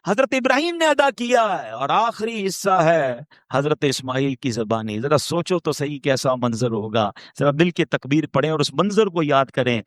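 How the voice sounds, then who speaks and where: A man with a Pakistani Urdu accent preaching an emotional sermon, swinging between hushed low asides and high impassioned pleas, chanting phrases slowly. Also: no echo, clean studio sound.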